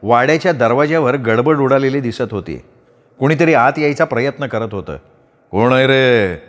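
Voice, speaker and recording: A man narrating a novel aloud as a storyteller, with an expressive, varied delivery. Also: medium pitch, fairly quick. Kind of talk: dramatic audiobook narration. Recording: long reverb.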